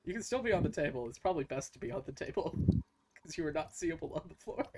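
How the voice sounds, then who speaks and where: A giggly, scattered game master who keeps breaking into laughter, with a voice that rises and falls in lively swings. A faint hiss and the odd click sit behind the talk. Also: mid-range voice, fast talker. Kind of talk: narrating a tabletop game in VR.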